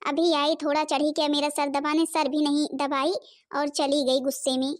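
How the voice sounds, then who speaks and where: A woman's voice: high-pitched, flat delivery, moderate pace, natural voice. A woman voicing a fretful, self-pitying old mother-in-law in a cartoon, complaining plaintively. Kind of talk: Hindi cartoon voice acting.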